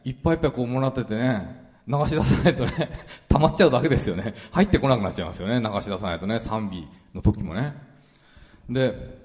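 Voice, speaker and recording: A man preaching a relaxed, chatty Bible teaching sermon, full of fillers and asides. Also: on the low side. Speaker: pastor. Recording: long reverberant hall sound.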